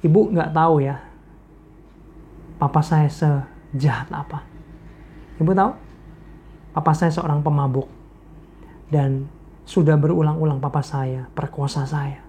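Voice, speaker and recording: A woman preacher voicing a young woman who speaks in a low, soft, pained way while she retells a story in a sermon. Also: steady tone, measured pace, long pauses, a little hiss or hum. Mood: bitter. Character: young woman, bitter and grieving.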